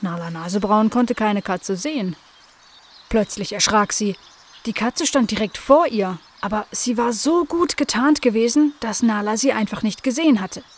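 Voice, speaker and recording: A woman reading a children's story aloud, gentle and even, at a mid pitch. Faint outdoor noise sits behind her voice. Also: normal speed. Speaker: narrator.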